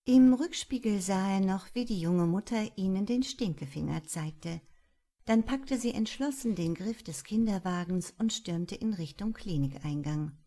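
A woman's voice: mid-range voice, expressive, measured pace, dark tone. Woman narrating a crime audiobook. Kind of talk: scripted narration.

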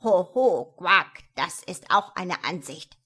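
A woman voicing a fat, jolly green male frog who croaks "quack" between his words. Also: fairly low pitch, lively intonation, takes it slowly, pushed and bright, heavily acted. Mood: jolly, boastful.

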